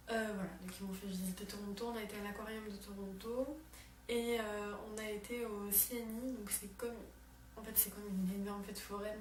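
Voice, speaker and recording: A woman's voice: medium pitch, slight background noise. A young woman in her late teens vlogging casually about her exchange year, chatty with lots of fillers and restarts. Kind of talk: casual chat to camera. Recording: roomy, distant mic, background music.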